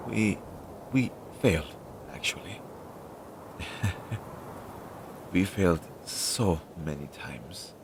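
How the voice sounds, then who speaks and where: Low and slow, a man plays an anxious, self-doubting familiar devoted to his master, his lines hesitant, halting and fretful. It's scripted audio roleplay with only one side of the dialogue heard. The recording is low-fidelity and clearly noisy.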